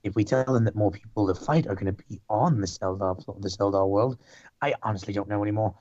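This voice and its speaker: A man's voice: on the low side, fast, mellow, no room sound, muffled recording. A man playing an officer in a casual tabletop game, joking with playful in-character asides. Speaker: player voicing a servant officer. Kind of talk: casual tabletop role-play.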